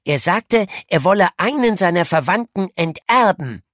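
A woman's voice: fairly low pitch, animated, moderate pace, no room sound, clean studio sound. A woman voicing a clever, boastful young boy in an audiobook, speaking eagerly and sure of himself. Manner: eager, self-assured storytelling. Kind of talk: audiobook dialogue reading.

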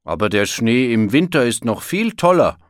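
A man's voice: mid-range voice, sing-song, moderate pace, no echo, studio quality, pitched above the performer's own voice, natural voice. A man voicing an eager, cheerful young male wolf in a children's storybook reading. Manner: enthusiastic, persuasive. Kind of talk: storybook read-aloud.

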